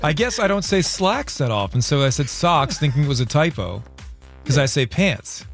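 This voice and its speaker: A man in his forties hosting a morning radio show, joking around with quick asides. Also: fairly high pitch, faint music behind. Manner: animated, jokey, quick asides. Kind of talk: casual radio banter. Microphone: studio microphone.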